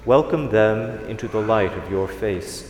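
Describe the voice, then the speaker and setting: A man's voice: on the low side, darkish tone. A male priest recites liturgical prayer solemnly and formally. His voice rings through a large church with cathedral echo and long reverb. There is faint noise behind him. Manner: measured, formal phrasing.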